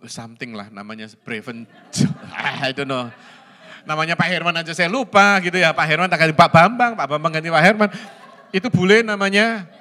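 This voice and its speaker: A middle-aged male pastor, preaching a sermon in an animated way, slipping in English phrases and laughing at his own jokes. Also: on the high side, moderate pace.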